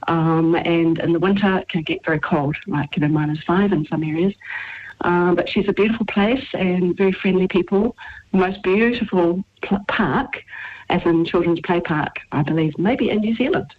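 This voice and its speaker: A woman's voice: on the low side, normal speed. A woman from England calling in to a radio show, chatting with many fillers. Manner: chatty, warm about her town, hesitant fillers. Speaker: caller. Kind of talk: casual phone chat on radio. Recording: muffled phone line.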